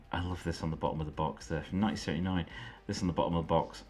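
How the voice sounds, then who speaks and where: A man hosting a late-night stream, chatting casually and amused as he browses, sometimes dropping quiet and offhand. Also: low-pitched, fairly even intonation, racing. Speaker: host. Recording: faint background music. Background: faint background music.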